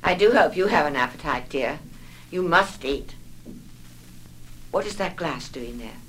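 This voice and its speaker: A woman's voice: low voice, lively intonation, unhurried, low-quality recording. An actress in 1960s film acting playing a nervous, fragile middle-aged mother who talks anxiously and defensively, rambling on.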